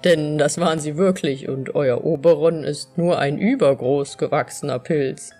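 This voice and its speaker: A woman voicing a bold young man who teases with amusement, in a breathy voice for a storybook reading. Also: sits low, normal speed, mellow, soft background music. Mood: amused. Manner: amused, teasing.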